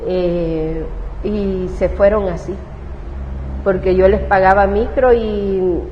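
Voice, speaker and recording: A woman's voice: mid-range voice, steady tone, slow pace. A woman pastor with a Salvadoran accent telling her testimony in an interview. She speaks with feeling and acts out the words she once said. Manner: emotional storyteller who acts out her own past words. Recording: roomy, dull recording with faint hiss.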